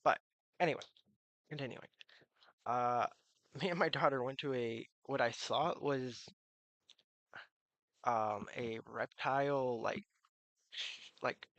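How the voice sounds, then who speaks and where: Male streamer, creaky voice, toothless slur, halting casual rambling, close dry sound. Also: medium pitch, a bit bright, no echo. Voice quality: slurred, toothless articulation. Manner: halting, meandering, trailing off. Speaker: live streamer.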